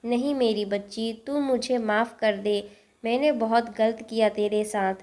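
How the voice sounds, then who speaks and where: A woman's voice: fairly high pitch, fairly even intonation, unhurried, darkish tone, lightly acted. A woman voicing a remorseful old grandmother.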